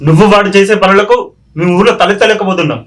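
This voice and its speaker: Man as a stern father, brisk and a touch high. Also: lightly acted. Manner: stern, admonishing.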